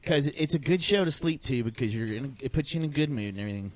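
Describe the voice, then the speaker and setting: A man co-hosting a podcast in casual chat, crude and joking, often breaking into shouted bits. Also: medium pitch, expressive, racing, dry recording. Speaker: podcast co-host.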